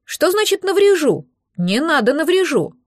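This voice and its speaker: A woman voicing a tiny, touchy newborn male dragon who grumbles and squeaks, in an audiobook. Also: big pitch swings, moderate pace, no echo, studio quality. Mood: frightened. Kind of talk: audiobook character voice.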